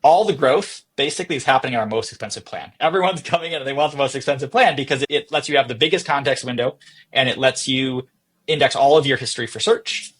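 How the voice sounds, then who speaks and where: A tech startup CEO talks informally as a guest on a conversational podcast interview, explaining his thinking through examples and questions he raises himself. His mid-range voice is fast, a bit bright, and husky.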